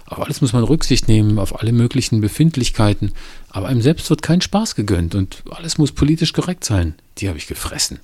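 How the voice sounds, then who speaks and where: A man reading as a stubborn, defensive skeptic, voiced higher than the narration and pressing hard with each claim. The tone stays husky and dark. The sound is dry and close. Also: expressive, a little fast, no room sound. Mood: indignant. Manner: indignant, pushing his view.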